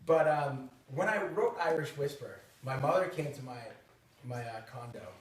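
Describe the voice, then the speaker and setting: A Boston-accented man in his thirties hosts a casual, animated chat full of laughs and restarts. His medium-pitched voice has lively intonation at a normal speed, picked up from far off in an echoey room.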